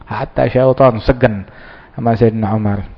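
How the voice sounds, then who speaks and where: A man preaching an Islamic sermon. He tells it as an animated story, acts out the dialogues, and mixes Arabic quotations with slang. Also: on the low side, moderate pace. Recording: dull lo-fi sound with long hall reverb.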